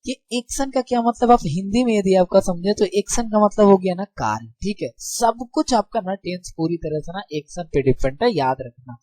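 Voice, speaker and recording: A man's voice: high voice, expressive, moderate pace, few pauses, darkish tone. A young male teacher explains a lesson in an easygoing, chatty way. He keeps throwing rhetorical questions back at his students and checking they follow. His voice sounds close and dry, with no room echo. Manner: friendly and informal with students. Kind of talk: casual classroom explanation.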